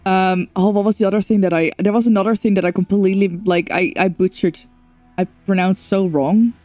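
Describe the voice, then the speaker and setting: Casually chatting through a game stream, a Dutch woman from the Netherlands rambles along with plenty of fillers. She speaks a little fast at medium pitch in a steady, slightly mellow tone, with faint music behind her.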